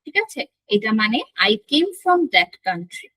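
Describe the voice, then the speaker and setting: A woman teaching an online language lesson, explaining slowly and often checking understanding with a rising question. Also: on the high side, very animated, bright, forceful tone, no echo, poor audio.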